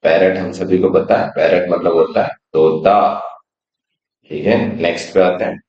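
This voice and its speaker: A man's voice: low-pitched, fairly even intonation. A man teaching children phonics, patiently spelling words out letter by letter and explaining each one. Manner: spells words out slowly letter by letter, then gives the Hindi meaning; patient, checks in often with "theek hai". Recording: roomy, slightly dull sound.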